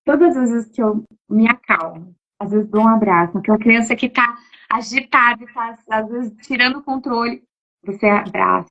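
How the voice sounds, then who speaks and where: A woman in her forties talks through parenting questions in an easygoing, explanatory way, tagging phrases as she goes. Her voice is bright and sits a little high. The audio is somewhat dull and lo-fi. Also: normal speed, slight background noise. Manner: warm explanatory, frequent "né?" tags. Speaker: educator giving parenting talk. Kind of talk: casual talk answering questions.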